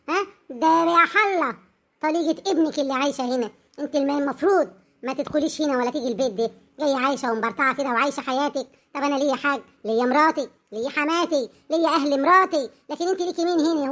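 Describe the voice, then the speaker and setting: Brief: performer voicing a raging cartoon husband, Egyptian, shrill and very fast. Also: a bit bright. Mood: indignant. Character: jealous angry young husband, accusing and loud. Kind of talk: cartoon voice acting.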